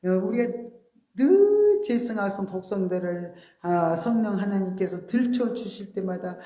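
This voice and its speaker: A woman preaches a sermon in a church sanctuary, her voice ringing around the room. She explains each point earnestly and patiently, ending her phrases softly and politely. Her pitch sits in an ordinary middle range. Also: animated, measured pace, roomy sound.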